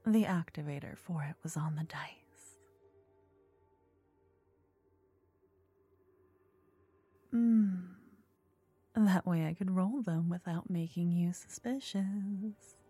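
A woman acts out an obsessive fantasy lover, tender and dangerously possessive. Her sultry ASMR role-play is very breathy and soft, with a mellow tone and an unhurried, soothing pace. The whole thing feels like an intimate audio drama spoken to one listener. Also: on the low side, faint music behind. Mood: gloating, tender.

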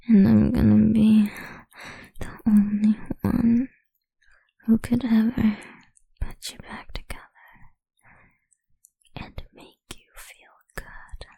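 Slow breathy whispering woman, taunting. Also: mid-range voice, flat delivery, no room sound. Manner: frequent soft laughs and sighs. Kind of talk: whispered audio roleplay. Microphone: close mic.

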